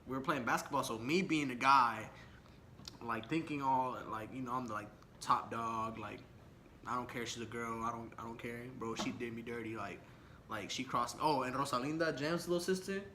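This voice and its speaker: A young man tells stories in a relaxed, slangy way, wandering off track and chuckling as he goes. He sits at a medium pitch. There is steady background noise in the room. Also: moderate pace. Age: young adult. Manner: laid-back, slangy and rambling, laughs often. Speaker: vlogger. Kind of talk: casual story time chat.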